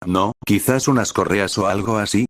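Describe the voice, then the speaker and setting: Gruff tough girl, read by a male narrator, curt, low and dry. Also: moderate pace, no echo, lightly acted.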